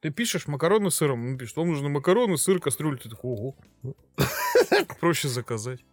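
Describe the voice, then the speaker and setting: A man's voice: fairly high pitch, huge pitch swings, a little fast, no room sound, faint music behind. A man in his thirties co-hosting a casual podcast, rambling and laughing often between crude jokes. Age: 30s. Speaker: podcast co-host. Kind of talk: casual joking podcast chat.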